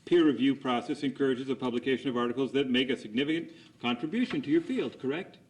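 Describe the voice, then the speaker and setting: A man's voice: medium pitch, quick pace, darkish tone. A man conducting a cross examination as an attorney, putting formal, methodical leading questions and seeking agreement after each statement.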